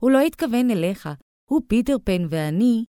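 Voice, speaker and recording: An earnest, protective older brother from a children's story, voiced by a woman reading aloud. He speaks up high and eager, above the reader's low voice, in a dry recording. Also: lively intonation, warm tone, smooth, no echo, close to an everyday voice. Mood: explaining. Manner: earnest, defending.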